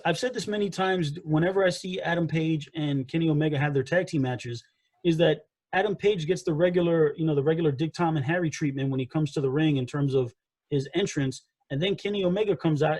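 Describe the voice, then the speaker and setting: A man co-hosts a wrestling chat show in a husky, slightly raised voice. He argues casually and animatedly, trips over his words, and acts out what people said. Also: on the high side, brisk, rough recording. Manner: animated, full of restarts and acted-out quotes. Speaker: wrestling podcast co-host.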